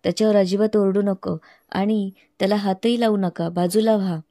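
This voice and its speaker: A calm elderly holy man from a village story speaks in a measured, teaching way, as a woman reads his lines. The tone is mellow and warm, and the delivery stays flat and even. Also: medium pitch, dry recording, studio quality, lightly acted. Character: calm elderly male village saint, gentle guide.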